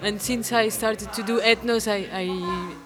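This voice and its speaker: A woman's voice: mid-range voice, steady tone, measured pace, over music. A woman from Portugal, answering interview questions in a hesitant way with many fillers and restarts. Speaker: interviewee, amateur musician. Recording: crowd chatter behind.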